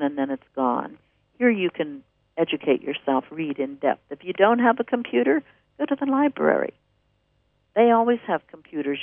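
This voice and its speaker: A man with a mid-range voice hosts a radio show, chatting with enthusiasm and rambling as he promotes classes and articles in casual on-air patter. The audio is narrow, dry and phone-like, with no room sound.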